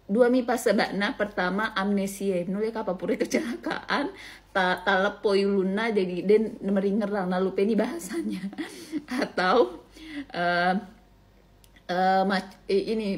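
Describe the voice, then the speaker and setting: A woman from Indonesia with a Bugis accent, telling her story casually and animatedly and mixing regional words into her talk. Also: medium pitch. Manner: mixes regional language into chatty talk. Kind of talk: casual monologue.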